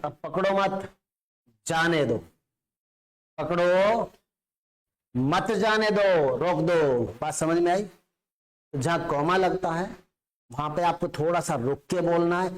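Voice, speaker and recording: A man's voice: on the high side, darkish tone. A male chemistry teacher giving a classroom lecture, explaining step by step and often checking that students follow.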